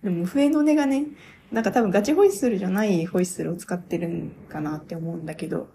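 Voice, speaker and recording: A young woman talking casually on her own radio show, reviewing a stage play as an excited, gushing fan who laughs often. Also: fairly low pitch, fast talker, creaky, slight background noise. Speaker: podcaster.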